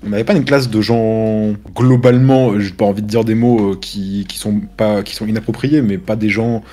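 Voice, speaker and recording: A man's voice: lowish voice, normal speed. A French man chatting casually while playing a game, rambling and restarting his sentences. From France. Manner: relaxed, rambling with many restarts. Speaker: gamer. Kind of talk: casual chat while gaming.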